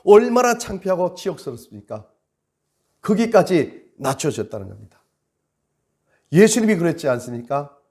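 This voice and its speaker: A man's voice: fairly high pitch, big pitch swings, normal speed, long pauses, a little mellow. A male pastor preaching a sermon, dramatic, acting out quoted prayers and stretching words for emphasis.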